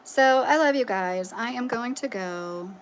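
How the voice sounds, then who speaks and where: On a casual livestream, a woman from Kentucky reads viewer comments and rambles through her opinions, leaning on "like" and "you know." Her nasal voice is a little high, with lively intonation and an unhurried pace. The audio is poor, with slight background noise.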